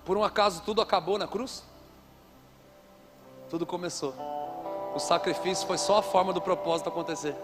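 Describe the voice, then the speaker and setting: A man's voice: high voice, fairly quick, long pauses, over music. A man preaching a conference sermon into a handheld microphone, telling stories with playful asides. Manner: lively storytelling with playful asides.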